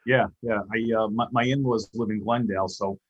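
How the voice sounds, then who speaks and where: A man's voice: on the low side, fairly even intonation, a little fast, breathy edge, muffled recording. An older man with a heavy Brooklyn accent chatting casually on the radio, often repeating his opening words. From Flushing, Queens, New York. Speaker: radio guest, financial professional.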